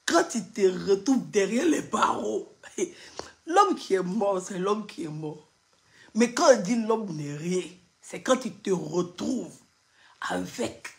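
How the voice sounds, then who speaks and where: A woman's voice: medium pitch, lively intonation, takes it slowly. A woman commenting casually on a live video, mocking and laughing often. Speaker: social media commentator.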